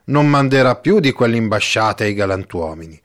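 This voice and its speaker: A man's voice: fairly low pitch, lively intonation, moderate pace, lightly acted. A man reading the part of a timid, fretful older village priest, talking in fussy, rambling bursts. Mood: relieved. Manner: fussy, rambling, emphatic exclamations. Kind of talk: audiobook character reading.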